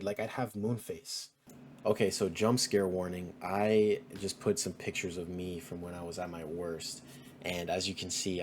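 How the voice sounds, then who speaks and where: A man's voice: deep voice, darkish tone, slight background noise. A man in his twenties talking in a casual, chatty vlog, full of fillers like "like" and "um". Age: 20s. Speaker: vlogger.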